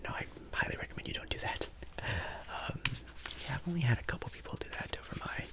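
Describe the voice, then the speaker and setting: This ASMR roleplay features a man whispering as a friendly, apologetic casino dealer. His mid-range voice is animated and fairly quick, breathy and chatty, as he offers polite, hesitant reassurance.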